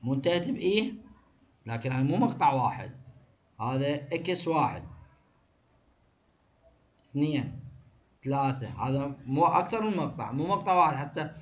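A man with an Iraqi Arabic accent teaching an exam review, firing quick questions and answering them himself. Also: on the high side, expressive. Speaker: English teacher.

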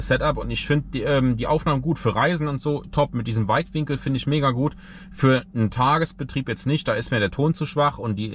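A man in his thirties talking casually to the camera from the driver's seat of his car, relaxed and full of fillers. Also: mid-range voice, a little hiss or hum. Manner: chatty, relaxed, many fillers. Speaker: vlogger. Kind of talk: casual vlog talk to camera. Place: inside a car, driving then parked. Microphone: camera mounted on the dashboard.

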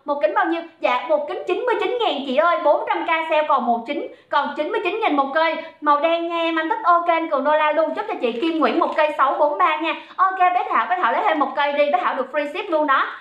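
A woman hosting a livestream sales pitch, chatty and teasing as she reads out viewers' comments. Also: fast talker, few pauses. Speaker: livestream seller. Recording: echoey room, dull sound.

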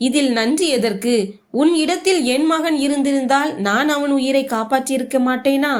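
Honest poor laborer husband, read by a woman narrator, earnest, plain, fairly high voice. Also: normal speed, lightly acted. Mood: modest.

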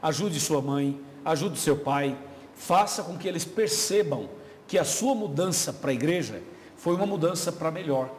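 A pastor with a Brazilian Portuguese accent answers viewers' questions on a live video chat in a warm, explanatory, chatty way, laughing easily. His voice is a little high, with lively intonation and normal speed. The studio is reverberant, with faint ambient noise.

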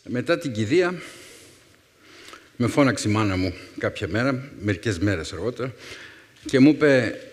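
A man in his fifties, a teacher, telling wry personal stories with thoughtful pauses to a young audience. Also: lowish voice, expressive. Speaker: secondary school philology teacher and speaker. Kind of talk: storytelling talk to a young audience. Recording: reverberant hall.

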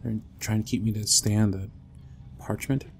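A young adult man commentating a horror game, dropping to whispers and breaking into loud panicked yelps. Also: on the low side, steady tone, moderate pace, creaky, a little hiss or hum. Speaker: gamer. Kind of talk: let's play commentary.

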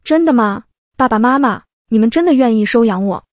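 A woman's voice: a little high, lively intonation, fairly quick, darkish tone, no room sound, clean studio sound, close to an everyday voice. A woman voicing a weepy, scheming teen girl. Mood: tearful.

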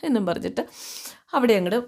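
A woman's voice: fairly high pitch, lively intonation, fast talker, mellow. A woman narrating a serial recap casually and chattily, often addressing the listener directly.

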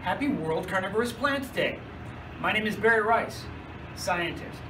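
A man's voice: sits high, animated, moderate pace. A man over sixty explaining something to camera as a scientist. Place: among plants in a greenhouse. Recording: distant, echoey, noisy.

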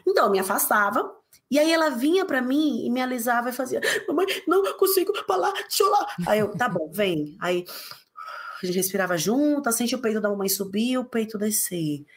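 A woman guest in a casual podcast conversation, telling stories quickly and acting out quotes. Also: on the high side. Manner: animated, quick storytelling with acted quotes.

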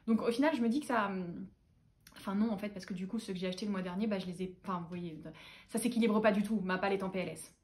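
A woman's voice: medium pitch, fast talker, darkish tone. A young woman from France hosting a casual book haul chat, gushing with fan enthusiasm. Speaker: booktuber host.

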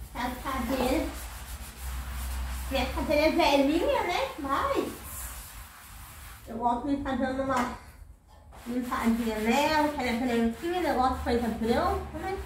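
A woman's voice: high-pitched, expressive, unhurried, pauses often, slight background noise. A woman in her thirties with a Brazilian accent, chatting to viewers while she cleans her kitchen. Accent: Brazilian Portuguese. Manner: chatty, addresses viewers often, tired. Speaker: home cleaning vlogger. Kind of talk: casual chat while cleaning. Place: home kitchen, indoors. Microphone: camera across the room. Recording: echoey kitchen, camera far off.

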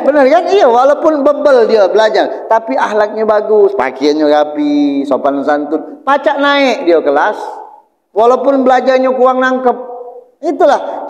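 A man with a Palembang Malay accent preaching a weekly sermon in a prayer room, telling stories and acting out the voices in them. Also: a little high. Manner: animated storytelling, acts out voices of angels and sinners. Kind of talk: storytelling sermon. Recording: echoey hall, muffled audio.

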